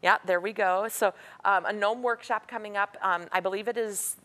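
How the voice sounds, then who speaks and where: A woman's voice: mid-range voice, steady tone, moderate pace, pushed and bright. Chatty woman demonstrating crafts on live TV. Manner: chatty, instructive, upbeat. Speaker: craft workshop guest. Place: TV studio.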